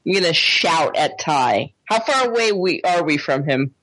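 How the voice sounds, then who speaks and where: A playful tabletop player describes what their character does and laughs often. The voice sits at a middle pitch and sounds dry and close. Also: expressive, moderate pace, fairly bright tone, dry recording, rough recording. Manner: laughing, playful, narrates own actions. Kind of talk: casual tabletop play.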